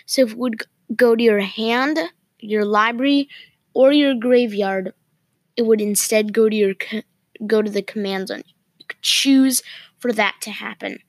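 A woman hosting her podcast, talking casually with the hiccups, pausing often and halting between phrases. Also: a little high, fairly even intonation, no echo. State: has the hiccups. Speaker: podcast host. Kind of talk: casual solo podcast talk.

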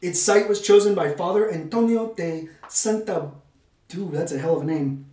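Here a male podcast host talks at a moderate pace in a high, mellow voice. Semi-scripted narration alternates with playful, casual banter and dramatic turns of phrase, and the sound is roomy and echoey from a far-off mic.

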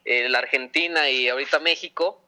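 A man's voice: mid-range voice, a little fast, pushed and bright. A man, co-hosting a casual podcast and rambling as he repeats his question. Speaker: podcast co-host.

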